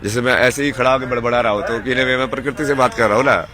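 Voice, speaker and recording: A man's voice: mid-range voice, fairly even intonation, fast, soft background music. A man speaking as a spiritual guru in an interview, rambling and preachy, mixing English words into his speech. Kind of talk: casual interview talk. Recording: loud crowd noise outdoors.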